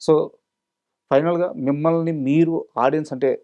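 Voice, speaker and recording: A man's voice: fairly high pitch, steady tone, normal speed, a little mellow, no echo, lo-fi sound. A man hosting an interview, asking probing and challenging follow-up questions. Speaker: interview host.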